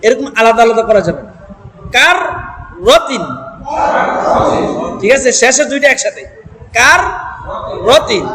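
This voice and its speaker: A man teaching Quran reading to a class, sounding out syllables slowly and having the students repeat after him. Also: extremely high pitch, fairly bright tone. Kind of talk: classroom recitation lesson. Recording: echoey hall with class noise. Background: students repeating aloud.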